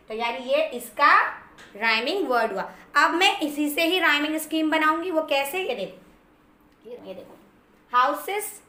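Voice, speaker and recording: Lady teacher, high clear bright voice, explains step by step, echoey room. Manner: slows down to read poem lines aloud, repeats sounds. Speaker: English teacher. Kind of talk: online lesson explaining step by step.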